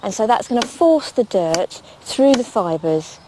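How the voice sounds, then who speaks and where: A woman's voice: mid-range voice, lively intonation, unhurried, background noise. Matter-of-fact female historian explaining. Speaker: historian and demonstrator. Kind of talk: explanatory demonstration.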